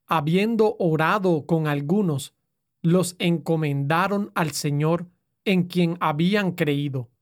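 A woman reads scripture aloud at a very slow, deliberate pace. Her voice sits somewhat low, and the reading is solemn and measured. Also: darkish tone. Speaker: scripture reader.

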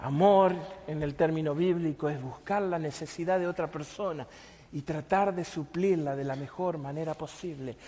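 A male pastor preaching a sermon, telling a story and building to shouted emphasis with rhetorical questions. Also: fairly high pitch, moderate pace. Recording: long hall reverb.

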